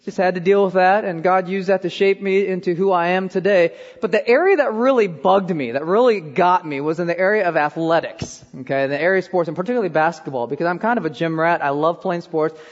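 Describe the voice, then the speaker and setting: Pastor, man in his 30s, high voice, sermon with animated self-deprecating asides, dull roomy hall sound. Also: brisk, hardly any pauses. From born in Korea, raised in Iowa.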